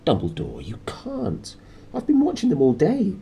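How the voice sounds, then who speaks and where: Man as a prim witch professor, female, indignant, emphatic, fretful, pitch swooping upward, storybook character. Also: wildly swooping pitch, moderate pace, creaky, mellow, muffled recording, slight background noise, heavily acted. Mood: aghast.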